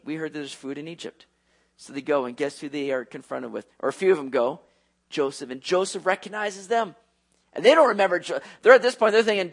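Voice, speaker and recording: A man preaching a sermon, retelling a story with lively asides to his listeners. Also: on the high side.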